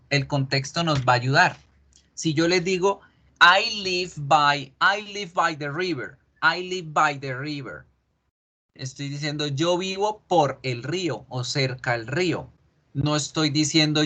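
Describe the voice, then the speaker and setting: A male English teacher walks his students through pronunciation at a very slow, deliberate pace. He drags out each drill word and says it again and again, so every sound can be heard. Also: medium pitch, a bit bright. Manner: slow, drawn-out repetitions of sounds and words. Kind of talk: online class lecture on pronunciation.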